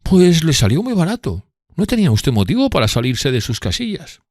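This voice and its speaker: Man putting on an arrogant young gentleman, high nasal sneer, drawling, mocking, dry close sound. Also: wildly swooping pitch, brisk, dry recording. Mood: disdainful. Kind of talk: audiobook character voice.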